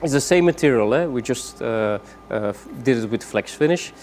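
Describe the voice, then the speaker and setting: A man giving a rushed product demonstration, moving between samples with many fillers and saying he is out of breath. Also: mid-range voice, expressive, darkish tone, a little hiss or hum. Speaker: product presenter.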